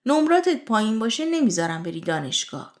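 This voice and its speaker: A woman's voice: fairly high pitch, sing-song, darkish tone. A woman voicing a domineering, threatening young husband in a bossy manner.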